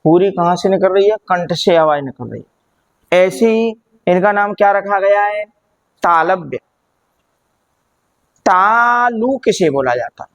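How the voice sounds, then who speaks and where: A man with a fairly high voice teaches Hindi grammar at a slow, patient pace. He drills the letters aloud one at a time and keeps posing questions to his students, then answering them himself, calling the listeners children as he goes. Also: lively intonation. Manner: drills sounds aloud, asks and answers own questions, calls listeners "beta". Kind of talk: classroom lesson.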